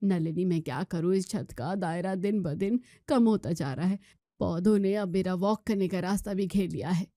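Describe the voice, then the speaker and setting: A woman voicing a scolding middle-aged mother-in-law who nags in a shrill voice. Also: normal speed, dark tone, no echo, studio quality, natural voice. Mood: irritated. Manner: shrill, nagging complaints.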